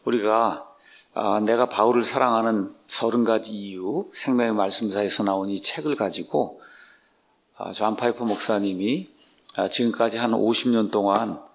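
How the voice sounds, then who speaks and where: A man, a pastor and Bible translator, teaching a book study series in an unhurried way with many drawn-out filler sounds. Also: fairly low pitch, fairly even intonation.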